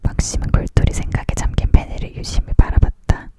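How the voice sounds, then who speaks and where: A narrator reading a storybook aloud as an ASMR audiobook, leaning in to whisper in a hushed voice. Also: quick pace.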